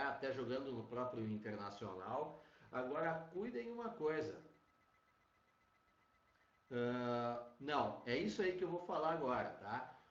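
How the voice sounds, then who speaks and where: Slow-talking male Spanish teacher in an echoey classroom. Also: mid-range voice. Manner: chatty and repetitive, tag questions. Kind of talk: classroom lecture. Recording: muffled classroom recording with echo.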